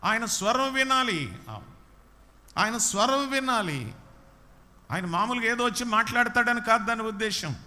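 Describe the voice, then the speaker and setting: A man's voice: sits high, bright, forceful tone. A man preaching a sermon, repeating lines for emphasis and often asking if the listeners understood. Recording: long hall reverb.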